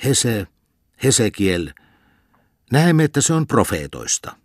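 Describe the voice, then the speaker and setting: A man voicing a pompous, hot-tempered village sexton who preaches haltingly and shouts in fury, in a storybook reading. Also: mid-range voice, big pitch swings, no echo, clean studio sound, pitched above the performer's own voice. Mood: preaching. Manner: preachy, halting sermon delivery turning to furious shouting.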